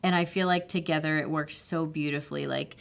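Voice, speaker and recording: A woman actress talking casually on a podcast, animated and full of "like" fillers. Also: deep voice, fairly quick, gravelly. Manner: animated, laughing storyteller with "like" fillers. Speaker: actress guest.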